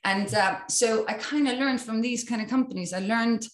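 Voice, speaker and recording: A woman's voice: on the high side, normal speed. A young woman, a fitness and yoga coach, talking reflectively as an interview guest. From Iceland. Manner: reflective, with many restarts and "like". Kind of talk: casual interview chat. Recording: roomy room echo.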